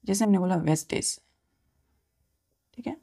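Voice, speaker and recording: A male teacher giving a grammar lesson, spelling words out letter by letter, asking and answering his own questions and often checking in with a quick "okay". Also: high-pitched, vocal fry, mellow. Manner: asks and answers own questions, addressing students as children.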